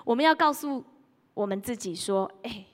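A middle-aged woman preacher delivering a sermon with a fairly high voice. She tells lively stories and talks straight to her listeners. Her words ring out with a long reverb in a big hall. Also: moderate pace. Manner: lively storytelling, mimics her child and addresses the congregation directly.

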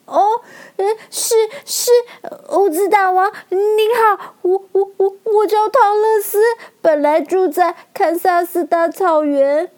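A woman doing a timid little girl, very high. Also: fairly even intonation, a little slow. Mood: frightened. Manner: stammering, quavering, pleading. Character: frightened young girl, timid but hopeful.

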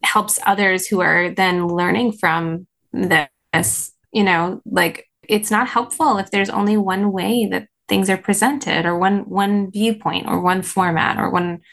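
A woman guest explains her ideas in an earnest, rambling way, leaning on "like" between phrases. Her voice has a strong gravelly fry at mid pitch. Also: steady tone, measured pace, few pauses, fairly bright tone. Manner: frequent "like" fillers, explanatory, earnest. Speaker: guest, course creator in parent health. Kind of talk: conversational interview.

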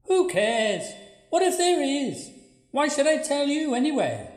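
A woman's voice: high-pitched, wildly swooping pitch, unhurried, darkish tone, full character voice. A woman voicing the blunt, sulky ghost of a plain young woman, with curt, needling replies in a radio play. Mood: deadpan. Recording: echoey, roomy sound.

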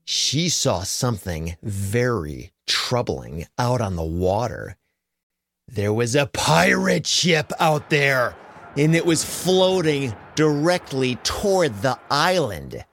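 Expressive man telling a children's story. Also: mid-range voice, takes it slowly, no room sound. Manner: expressive, dramatic.

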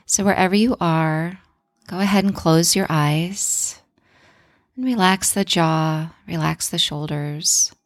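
A woman softly guiding a breathing relaxation in a soothing, unhurried manner, as a podcast host and yoga guide. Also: on the low side, no room sound, clean studio sound.

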